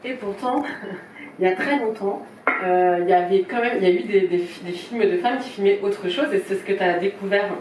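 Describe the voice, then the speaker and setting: A woman's voice: medium pitch, moderate pace. A woman presenting a filmmaker at a small event, speaking informally, hesitant and apologetic, with many restarts. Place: film shop event room, with people present. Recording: roomy, distant mic, faint noise.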